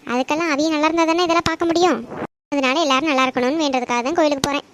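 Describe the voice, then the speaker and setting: A woman's voice: high-pitched, fairly even intonation, rapid-fire, slight background noise, close to an everyday voice. A woman voicing an earnest young village woman in love, chatty, with a southern Tamil accent. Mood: dreamy.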